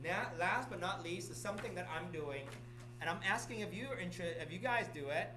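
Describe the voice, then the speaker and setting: Over music, a middle-aged man from Vietnam speaks briskly in a high-pitched voice with lively intonation. As a real estate office manager or broker, he gives meeting announcements, going over things repeatedly and checking in with "okay?" again and again.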